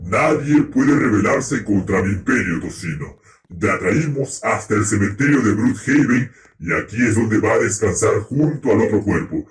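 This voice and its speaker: A man's voice: fairly low pitch, lively intonation, moderate pace, lightly acted. A man voicing a grandiose, bossy ruler, scolding his sidekick and panicking when threatened in a game roleplay. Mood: gloating. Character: self-proclaimed boss, grandiose conqueror. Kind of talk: roleplay commentary in a video game. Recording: roomy echo, faint noise.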